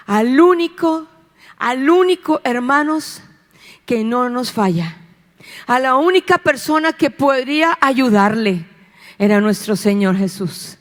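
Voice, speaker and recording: A woman pastor delivers an impassioned sermon in a high, bright voice. She leans on repetition and rhetorical questions. The long reverb of a church hall trails after every phrase. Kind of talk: preaching a sermon.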